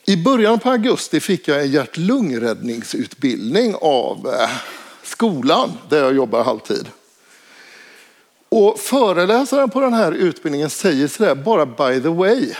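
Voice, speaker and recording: A man's voice: fairly high pitch, sing-song. Hesitant man telling a personal story. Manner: hesitant, many filler sounds. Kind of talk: casual spoken personal anecdote.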